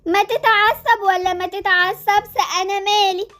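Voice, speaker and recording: A woman's voice: very high voice, fairly even intonation, normal speed, sharp tone, faint music behind. A woman voicing a cheeky, stubborn young girl with an Egyptian accent, who sings and talks back in a Roblox series. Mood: defiant. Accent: Egyptian Arabic. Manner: sing-song, defiant, talks back.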